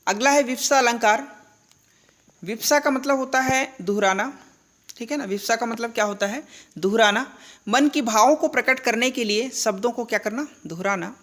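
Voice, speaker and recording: A woman's voice: on the high side, moderate pace, a bit bright. A woman teaching, quizzing and answering. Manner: asks the class questions and answers them herself; checks in often with "thik hai" and "hai na". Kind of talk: Hindi grammar lesson.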